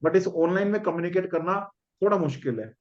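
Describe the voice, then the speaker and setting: A man's voice: high-pitched, brisk, muffled recording. A man, an educator who emphatically advises students and addresses them directly. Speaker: educator and co-host. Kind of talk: teacher's advice to students.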